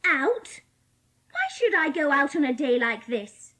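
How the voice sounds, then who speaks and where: Very high-voiced haughty little girl. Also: big pitch swings, unhurried, pushed and bright, heavily acted. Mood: reluctant. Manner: imperious, curt, formal. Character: haughty, spoilt, sullen little rich girl. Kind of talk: dramatised audiobook acting.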